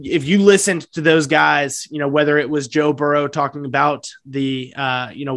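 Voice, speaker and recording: A man co-hosting a sports podcast, talking football in a casual, halting way with many fillers and restarts. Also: medium pitch, fairly bright tone, dry recording, studio quality.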